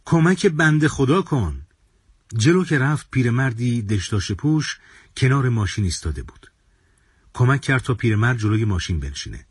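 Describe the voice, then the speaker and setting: A man narrating an audio story in a measured, solemn way. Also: mid-range voice, lively intonation, husky, dry recording, studio quality.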